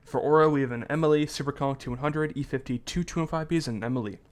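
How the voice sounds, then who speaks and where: A man's voice: mid-range voice, fast talker. A young man giving casual, rambling play-by-play commentary on a tank game match, often correcting himself. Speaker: caster.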